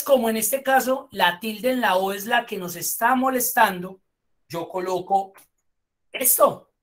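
A woman's voice: medium pitch, fairly bright tone. A woman teaching a spreadsheet course online, explaining step by step and praising her students.

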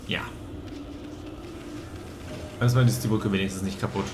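A man's voice: on the low side, fairly even intonation, normal speed, roomy sound, noisy background. A man co-commentating on a game stream in casual chat. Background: game music.

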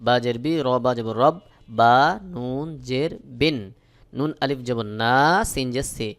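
A man from Bangladesh teaching Quran reading, spelling out letters and reciting verses in slow, drawn-out melodic chant between plain explanations. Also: medium pitch, clean tone.

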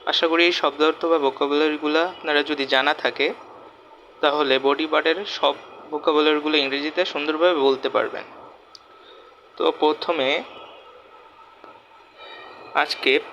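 A man teaching a vocabulary lesson, saying each word and its meaning twice in a slow, repeating way. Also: on the high side, steady tone, pushed and bright, highs cut off, slight background noise.

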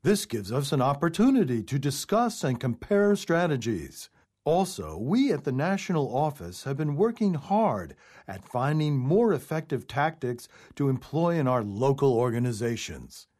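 A man's voice: mid-range voice, big pitch swings, normal speed, a little mellow. A man playing an organization official who gives a formal, scripted welcome speech. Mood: formal welcoming. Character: organization official welcoming employees to annual conference. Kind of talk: scripted test-audio speech.

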